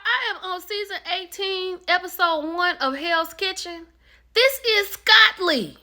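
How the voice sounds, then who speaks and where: Woman, casual reality TV chat, bright tone, animated excited pitch jumps. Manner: chatty and animated, with sudden high excited jumps. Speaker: reality TV commentary host.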